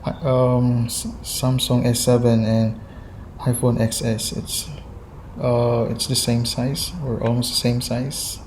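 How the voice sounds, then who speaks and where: A Filipino vlogger from the Visayas, with a Visayan accent, hesitantly shows off his filming gear in his home kitchen, full of ums and restarts and mixing in Tagalog. His mid-range voice is slow and darkish, with little pitch movement. He records on a phone camera on a chest mount, with slight background noise.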